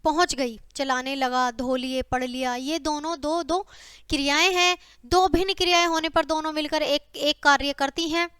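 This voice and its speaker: High, bright-voiced woman teaching grammar. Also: steady tone, moderate pace, dry recording, studio quality. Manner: says "ठीक है" often, addresses students as "बच्चा"; reads out example words and sentences one by one. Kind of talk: classroom grammar lesson.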